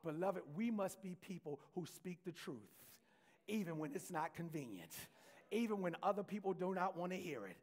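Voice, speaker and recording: A man's voice: sits high, animated, a little mellow. A man preaching a sermon from the pulpit, reading scripture and calling on the congregation to respond. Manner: reads scripture aloud, slowing down to stress key phrases. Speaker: pastor. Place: church sanctuary.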